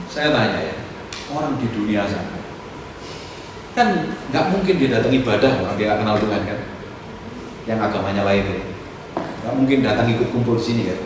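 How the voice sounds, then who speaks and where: Animated pastor preaching. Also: male voice, medium pitch, moderate pace, long pauses. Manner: animated, swings from loud exhortation to soft asides. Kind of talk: sermon. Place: church hall. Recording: echoey church hall, distant mic, noisy room.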